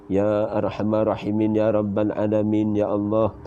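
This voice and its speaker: A Malaysian man with a Malaysian Malay accent leading the closing supplication of a sermon, reciting prayers in a steady chanting flow. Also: on the low side, normal speed. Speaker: religious teacher leading prayer. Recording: muffled lo-fi audio with faint hiss.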